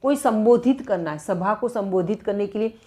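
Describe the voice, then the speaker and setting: A woman's voice: medium pitch, normal speed, warm tone. A woman teaching English phrasal verbs, repeating and dictating example sentences as she explains.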